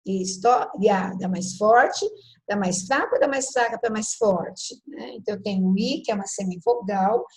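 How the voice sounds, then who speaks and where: A woman's voice: mid-range voice, a little mellow, rough recording. A woman teacher giving a patient phonology lecture, often checking in with the class and spelling words out letter by letter. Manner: patient and didactic, constant tag questions, spells out letters slowly.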